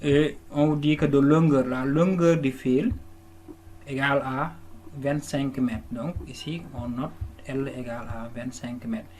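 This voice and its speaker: A man's voice: mid-range voice, fairly even intonation, measured pace, darkish tone. A man teaching a lesson, working patiently through an exercise step by step, often restarting words and checking that students follow. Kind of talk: classroom lesson walkthrough. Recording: faint background noise.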